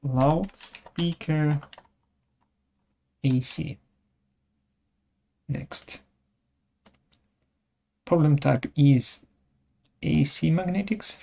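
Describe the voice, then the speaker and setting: Step by step and very slowly, a software webinar presenter of unclear sex narrates a tutorial demo in short, faltering pieces. The medium-pitched voice sounds dark and creaky, while the lo-fi, dull audio carries occasional mouse clicks.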